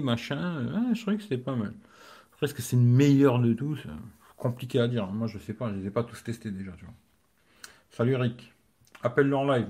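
A man's voice: mid-range voice, a little mellow. A man hosting a casual live stream as a tech reviewer. He talks in slangy, rambling French and keeps adding "tu vois".

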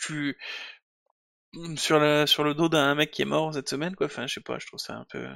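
A man's voice: a little high, steady tone, normal speed, vocal fry, bright, forceful tone, no echo, studio quality. A man co-hosting a casual live stream, talking with frequent fillers and restarts. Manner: hesitant, many fillers and restarts. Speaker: podcast co-host.

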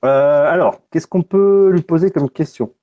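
Mellow man streaming live. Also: a little high, measured pace. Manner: loose and joking, swears casually. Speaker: tech streamer. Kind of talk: casual live unboxing stream.

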